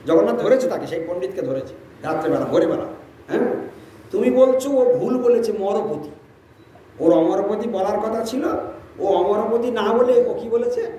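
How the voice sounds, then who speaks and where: High-voiced man preaching in an echoey hall. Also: animated, moderate pace, mellow, highs cut off. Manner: repetitive, asks the listeners rhetorical questions. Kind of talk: devotional sermon with storytelling. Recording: very echoey room, distant mic, faint noise.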